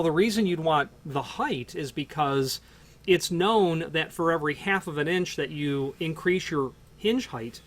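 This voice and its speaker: A man explaining door hardware off the cuff, talking in loose, restarting sentences full of fillers. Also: fairly high pitch. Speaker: hardware product presenter. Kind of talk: unscripted product explanation.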